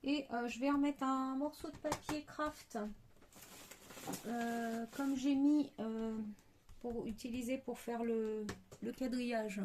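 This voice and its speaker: A woman's voice: a little high, steady tone, slow pace, darkish tone, a little hiss or hum. A woman hosting a card-making tutorial, thinking aloud with many hesitations. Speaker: crafting tutorial host.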